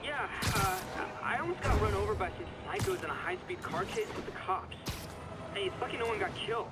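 A ranting caller over a clipped phone line. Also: male voice, high-pitched, very animated, a little fast. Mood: indignant. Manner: rambling, indignant complaining. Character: agitated adult male radio caller. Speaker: caller to a talk radio show.

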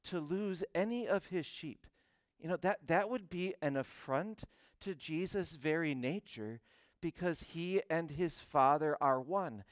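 A male pastor preaching with animated swings of emphasis, often stumbling over and repeating words as he builds a point. His voice sits a little high and sounds smooth and resonant. The recording is dry and close. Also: a little slow, no room sound. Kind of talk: sermon.

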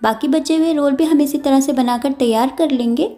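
A woman, host of a cooking channel, narrating a recipe step by step in a calm, instructive voice-over, repeating and clarifying each step. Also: sits high, normal speed.

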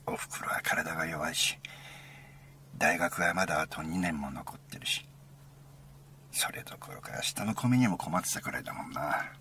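A man reading a first-person story aloud as an intimate, conversational monologue, sometimes dropping into a hushed near-whisper. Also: extremely low pitch, moderate pace, a little hiss or hum. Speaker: narrator.

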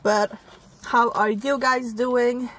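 A woman's voice: on the high side, steady tone, takes it slowly, a bit bright, slight background noise. A woman hosting a mukbang food vlog, chatting casually with her audience while eating and sometimes stopping to search for a word. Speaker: mukbang channel host.

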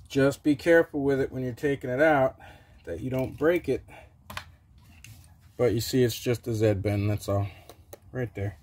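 Man, middle-aged, mellow voice, plain practical how-to talk, home workshop, close camera mic. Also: medium pitch, a little hiss or hum. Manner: plain, practical step-by-step explaining with frequent "okay"s. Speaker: small-engine repair host. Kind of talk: casual how-to narration while working. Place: home workshop bench, open to the outdoors.

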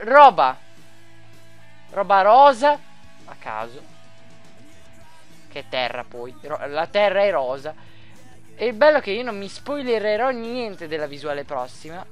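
Guy rambling through a game, jokey, yelps out of nowhere, smooth voice bouncing up and down, faint guitar music behind. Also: sits high. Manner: rambling and jokey, rhyming, sudden excited yells. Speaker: gaming video host. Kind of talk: casual gameplay commentary.

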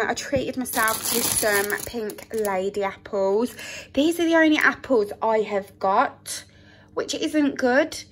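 A young mum talks casually from behind the camera in her kitchen, walking through her groceries. She rambles in a relaxed, self-mocking way, with frequent "um" fillers, and her voice sits at an ordinary middle pitch. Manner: chatty, self-deprecating, many "um" fillers. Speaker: vlogger, mother. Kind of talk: casual grocery haul chat. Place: home kitchen.

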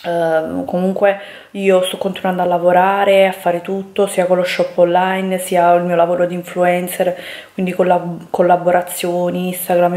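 Young female influencer, low-pitched and chatty, recorded at home in a reverberant bedroom. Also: a little mellow. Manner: chatty, many fillers and restarts. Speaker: beauty influencer. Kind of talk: casual vlog chat. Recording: echoey room.

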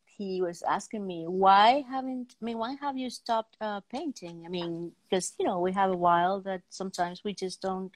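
On a video call from a room at home, a woman in her fifties hosts a casual talk-show interview about art. Her mid-range voice comes through poorly, and she hesitates often, stopping mid-sentence to hunt for words.

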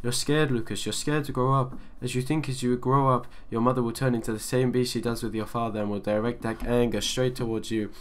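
A man voicing an imaginary teddy bear who calmly and patiently explains things in an amateur audio drama. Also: mid-range voice, a little fast, few pauses, slight background noise, close to an everyday voice. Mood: explaining. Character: calm protective imaginary teddy bear, male.

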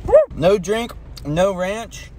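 A man's voice: high voice, takes it slowly, darkish tone. A man in his twenties chatting casually for an eating-challenge vlog, exclaiming between bites with his mouth burning from spicy food. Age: 20s. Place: inside a parked car. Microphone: phone at arm's length. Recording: car cabin noise, handheld phone.

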